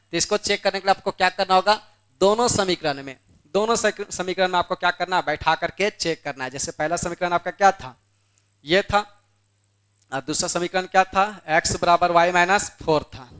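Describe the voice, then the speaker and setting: A man's voice: high voice, a bit bright, clear, resonant tone. A male math teacher giving a board exam lesson, who keeps asking questions and answering them himself, in a coaxing way. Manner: scolds students in the room.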